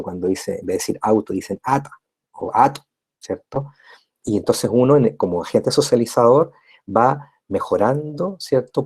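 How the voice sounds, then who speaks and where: A man's voice: on the low side, dark tone, husky. A man giving a recorded university lecture, explaining step by step and often checking in with his listeners. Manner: constant tag checks with listeners; explanatory, repeats and rephrases points.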